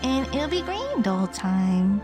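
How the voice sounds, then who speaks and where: Her high, sing-song voice moves at a slow pace. She's a tired livestreamer who chats casually and rambles while gaming, frequently trailing off, with game music in the background.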